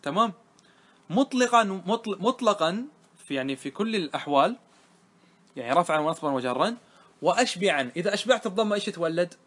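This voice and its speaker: A man's voice: high-pitched, animated, fast talker, long pauses, a bit bright. A man teaching grammar in a classroom lesson, quizzing his students again and again. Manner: quizzing students with repeated questions.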